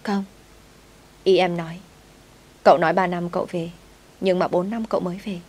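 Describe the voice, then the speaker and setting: A woman's voice: fairly low pitch, fairly even intonation, normal speed, a little mellow, natural voice. A woman voicing a timid, devoted young servant girl who speaks politely and pleads with her master. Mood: meek.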